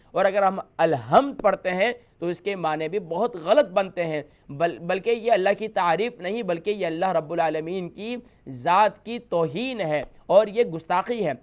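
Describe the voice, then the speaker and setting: Brief: male TV teacher, high-pitched voice, patient and repetitive, demonstrates each sound on a studio mic. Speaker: host teaching letter pronunciation. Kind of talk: televised call-in lesson.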